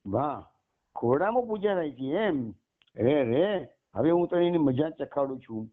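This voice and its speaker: A man voicing a furious, haughty woman who runs the house, scolding with shrill insults, over a tinny phone-like line. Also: lively intonation, a little slow. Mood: scornful.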